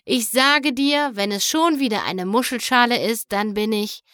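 A woman's voice: on the high side, normal speed, fairly bright tone, no echo, clean studio sound, lightly acted. A woman voicing a stern, exasperated seapony queen and mother in a storybook. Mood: weary. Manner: exasperated, then alarmed.

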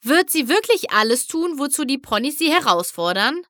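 A woman voicing an excited little green unicorn filly from a storybook, squealing with breathless excitement. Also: high-pitched, moderate pace, no echo, clean studio sound, voice pushed up, heavily acted. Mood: thrilled.

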